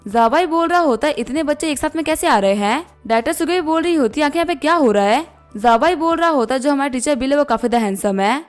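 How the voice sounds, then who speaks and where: A woman narrating a story recap, reading every character's lines in her plain voice. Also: high-pitched. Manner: reads all dialogue in her plain voice. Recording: faint background music.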